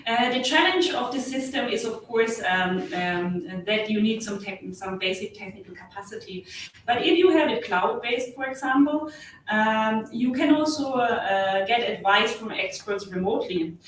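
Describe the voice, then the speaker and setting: A woman's voice: on the high side, normal speed. A woman from Germany with a German accent, answering webinar questions as an energy consultant, hesitant with many fillers, over video-call audio. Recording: echoey, distant video-call audio with faint hum.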